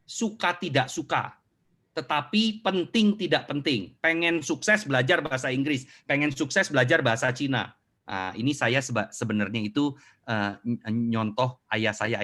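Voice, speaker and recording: A middle-aged man giving a motivational talk online, answering questions and acting out little scenes for his audience. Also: mid-range voice. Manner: animated storyteller who acts out scenes. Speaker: motivational speaker.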